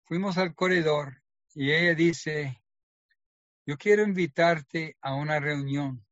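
A middle-aged man recounts his personal testimony, earnest and story-driven, slipping into the voices of others as he quotes them. His voice sits a bit high for a man. The recording is dry and slightly muffled. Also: slow, a bit bright, no room sound. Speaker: testimony speaker.

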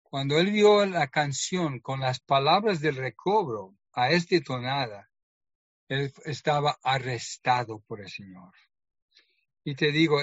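Preacher, male, slow and deliberate storytelling sermon, dry muffled recording. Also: on the high side, no echo. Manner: storytelling, acts out quoted dialogue. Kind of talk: sermon with personal testimony.

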